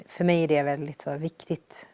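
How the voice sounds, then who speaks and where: A young woman with a low voice telling her own life story in an earnest, reflective way, raising her energy when she re-enacts quoted lines. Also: flat delivery, a little mellow, no room sound. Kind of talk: personal storytelling testimony.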